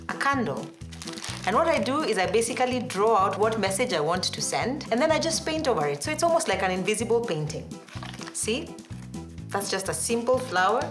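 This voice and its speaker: A woman shows children a craft, explaining simply. Her mid-pitched voice moves up and down a lot. It echoes in the room, with music behind it. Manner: simple, instructive, addressing children. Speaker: children's art segment presenter.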